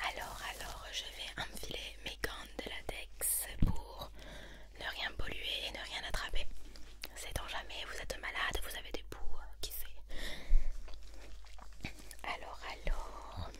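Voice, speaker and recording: A woman in her twenties with a southern French accent in a whispered role-play, quickly whispering close to the mic as a bossy, fussy, tactless hairdresser. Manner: rapid, bossy whispering with repeated tag questions. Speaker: ASMR performer playing a hairdresser.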